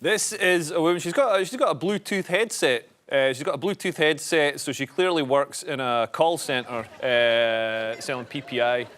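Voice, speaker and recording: A man playing team captain on a comedy panel show, telling rambling, excitable jokes and guesses. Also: a little high, moderate pace, hardly any pauses, slight background noise. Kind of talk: improvised comedy banter.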